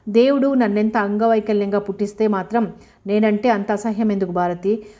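A woman voicing a lame, remorseful young man, speaking quietly and pleadingly in a storybook reading. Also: medium pitch, steady tone, brisk, close to an everyday voice.

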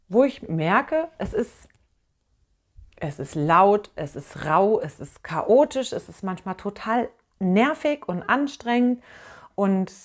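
Middle-aged woman, casual talk to camera; candid, animated, blunt slang, quick to laugh. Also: medium pitch. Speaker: inspirational vlogger. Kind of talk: casual spoken monologue.

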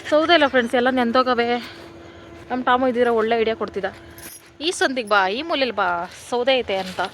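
A woman's voice: a little high, brisk, a bit bright. Brief: woman, late twenties, rural Kannada accent, playful home vlogger speaking to fans, phone-recorded with faint hiss. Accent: rural Kannada, Kanakapura area. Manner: joking, addresses viewers as friends, coos at pets. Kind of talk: casual chat to viewers. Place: village home, indoors and outdoors.

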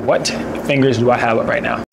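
A man's voice: mid-range voice, flat delivery, a little fast, vocal fry. A young man hosts a casual workout vlog, hyping viewers up with slang and counting out reps in a gym. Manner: hyped, slangy, coaching with rep counts. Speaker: photography vlogger and host. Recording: noisy gym ambience.

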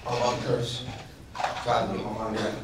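A man's voice: lowish voice, flat delivery, moderate pace, heavy background noise. A young man, the groom, thanking his guests in a loose, slangy, laughing speech. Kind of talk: casual wedding reception speech. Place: wedding reception hall. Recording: echoey hall, distant mic, crowd behind.

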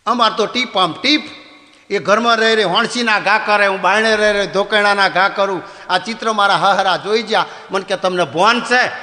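Animated high-voiced male storyteller. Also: moderate pace, long reverb tail, a little hiss or hum. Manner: animated, switches into character voices for punchlines. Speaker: comedian. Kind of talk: stand-up folk storytelling.

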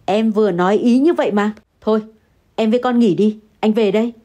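A woman's voice: mid-range voice, brisk, dark tone, close to an everyday voice. A woman voicing an irritable young husband who answers curtly in an audio story. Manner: curt, dismissive. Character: irritable young husband, curt and money-proud.

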